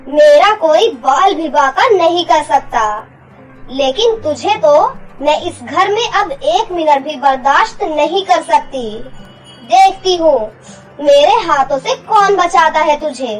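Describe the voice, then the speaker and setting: A woman's voice: sits high, expressive, slow, soft background music, poor audio. A woman voicing a cruel, bossy stepmother in a cartoon story, harsh and threatening. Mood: harsh scolding.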